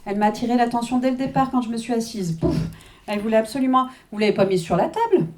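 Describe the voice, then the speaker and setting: A woman's voice: on the high side, lively intonation, fast talker, a little mellow. A woman working as a medium at a live reading, chatting with the audience, checking in constantly and laughing often. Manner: chatty, constant "hein" and "d'accord" check-ins, frequent laughs.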